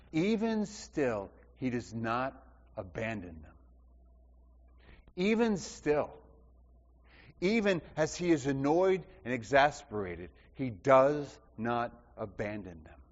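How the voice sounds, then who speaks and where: A man preaching a sermon as pastor, impassioned and rhetorical, repeating phrases and dropping from loud declarations to hushed lines. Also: medium pitch. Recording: dull sound with long church reverb.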